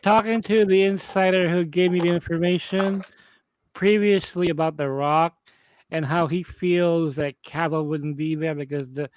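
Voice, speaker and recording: Man, panel guest, high voice, dry sound, confident. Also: fairly even intonation, normal speed, dry recording. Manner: confident, laughs between points. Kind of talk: casual live-stream chat.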